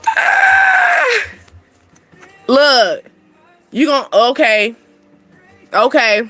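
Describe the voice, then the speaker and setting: A woman's voice: high voice, lively intonation, unhurried, bright, forceful tone, soft background music. A woman hosting a casual card reading for viewers, slangy, blunt and playful, laughing often. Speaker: spiritual card reader and channel host.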